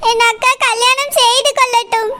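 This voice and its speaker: A performer voicing a gentle, self-sacrificing young woman in a cartoon, talking formally and melodramatically. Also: extremely high pitch, flat delivery, moderate pace, very noisy. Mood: sorrowful. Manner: formal, melodramatic, breaks into sad song. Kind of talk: cartoon voice acting.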